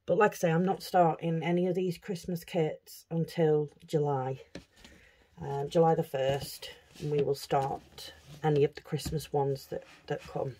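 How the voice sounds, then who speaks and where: Low-voiced, slow-talking woman vlogger, casual unboxing chat. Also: level tone, warm tone, slight background noise. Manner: chatty, thinking aloud while handling items. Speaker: craft vlogger.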